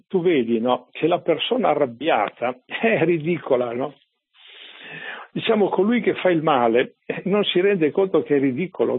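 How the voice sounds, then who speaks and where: Gravelly male preacher on tinny radio. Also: fairly high pitch. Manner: keeps asking "no?" and "vero?" to check with listeners. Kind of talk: conversational scripture preaching on radio. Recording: narrow phone-like radio sound.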